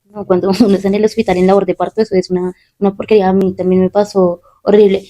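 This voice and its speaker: A woman's voice: mid-range voice, level tone, fast, mellow. A woman chatting frankly as co-host, her voice slightly away from the mic. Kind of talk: casual chat.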